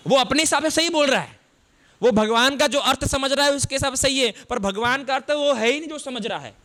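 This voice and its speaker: A man's voice: very high-pitched, a little fast, bright, forceful tone. A man giving a sermon as a Buddhist monk, asking his listeners questions and answering them himself as he explains what words mean. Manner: explains word meanings step by step.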